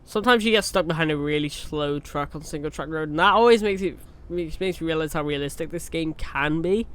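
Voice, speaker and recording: Sick with a cold, a young gaming YouTuber casually comments on a truck driving game, wandering through fillers and restarts. His pitch is fairly high, his pace fairly quick, and his sound a bit bright and smooth.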